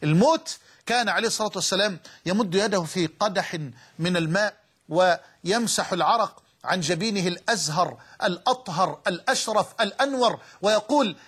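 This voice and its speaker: A man's voice: high voice, fairly quick, fairly bright tone, slightly rough. An Egyptian man preaching a sermon, fervent and repeating phrases for emphasis.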